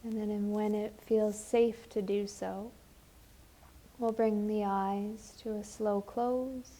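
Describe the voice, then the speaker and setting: Leading a guided meditation, a woman teacher speaks calmly and soothingly, letting her phrases unfold slowly with long pauses between them. Her mid-range voice keeps a steady tone.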